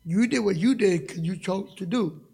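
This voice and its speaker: A middle-aged guest evangelist with a raspy voice that sits high and a little mellow preaches at normal speed in a church sanctuary. Passionate and conversational, he jokes with the congregation throughout the sermon.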